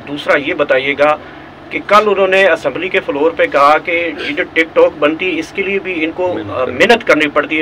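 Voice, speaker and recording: A man's voice: fairly high pitch, bright, forceful tone, slight background noise, low-quality recording. A man working as a reporter, asking direct, pointed questions at an outdoor press talk.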